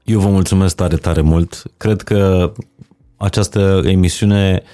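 Male podcast host, very low mellow voice, reflective interviewer with faint music behind. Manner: reflective, searching for words. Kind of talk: interview conversation.

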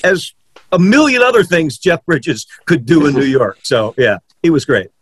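A man casually chatting and recalling his time on a comedy show, with quick asides. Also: a little high, expressive, slightly rough. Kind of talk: casual reminiscing chat.

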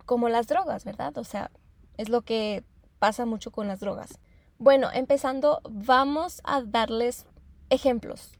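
A woman's voice: on the high side, no room sound. A woman giving an informal self-help talk, explaining with frequent rhetorical questions and repeating her phrases. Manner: halting, repeats and restarts phrases.

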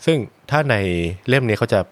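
A man's voice: mid-range voice, a little fast. A man co-hosting a casual book podcast, telling anecdotes and acting out quoted exchanges. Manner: storytelling, acts out quoted dialogue. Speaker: podcast co-host.

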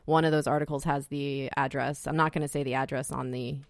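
In a relaxed podcast chat, this young female co-host speaks fairly quickly in a low, creaky voice with fairly even intonation. Her manner is blunt, wry and doubtful, with casual swearing, captured dry and close with no echo.

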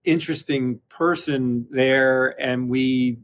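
A man speaking as an interview guest in casual conversation, halting and often restarting his sentences. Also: medium pitch, fairly even intonation.

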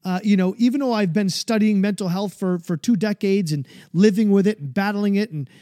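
A man's voice: high-pitched, fairly quick, mellow, dry recording, clean studio sound. A man in his forties telling his own story in a personal monologue, earnest and often searching for the right words. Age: 40s. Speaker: speaker sharing his mental health story.

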